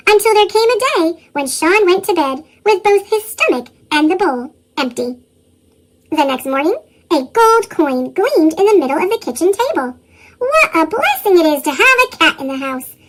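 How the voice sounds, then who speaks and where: A storybook narrator whose voice is run through a sped-up chipmunk effect, reading a tale aloud with lively chuckles in the dialogue. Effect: sped-up, pitched-up chipmunk voice.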